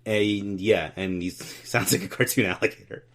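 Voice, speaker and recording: A man co-hosting a podcast, chatting casually about a film with animated, jokey tangents. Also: lowish voice, normal speed. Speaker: podcast co-host. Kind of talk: casual comedic film review chat.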